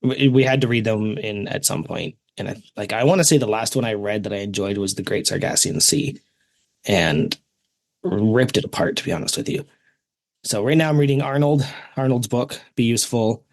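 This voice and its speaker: A man's voice: on the low side, normal speed, creaky, dry recording, studio quality. Earnest Canadian-accented man. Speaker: podcast host. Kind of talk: casual chat.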